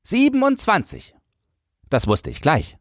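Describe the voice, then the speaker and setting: A man's voice: fairly high pitch, wildly swooping pitch, measured pace, no room sound, studio quality, voice pushed up, heavily acted. A man voicing a frightened nine-year-old boy who keeps watch over rubble, timid and stubborn. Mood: boastful. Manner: timid, stubborn, quietly grieving. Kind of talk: audiobook character voice.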